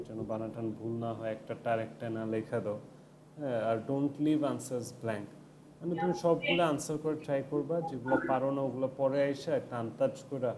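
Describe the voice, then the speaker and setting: A man's voice: medium pitch, a little mellow, a little hiss or hum. A man giving a casual IELTS tutoring lecture, mixing English tips into loose, chatty explanations with many fillers.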